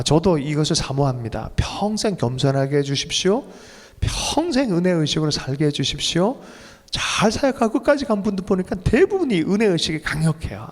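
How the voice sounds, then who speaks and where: A male pastor delivers an emotional sermon, his fairly high voice swinging widely and jumping up in sudden bursts. The sound carries a long reverb from a church hall. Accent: Korean. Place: church sanctuary.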